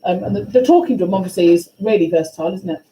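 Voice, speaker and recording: A woman teaching a music class, questioning and encouraging her students in a brisk way. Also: fairly low pitch, warm tone. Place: school classroom. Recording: echoey classroom, faint ambience.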